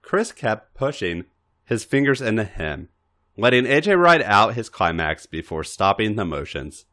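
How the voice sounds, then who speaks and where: A podcast host reads fan fiction aloud with dramatic emphasis, his lowish voice bright and forceful. He speaks a little slowly and swings his pitch widely as he narrates expressively.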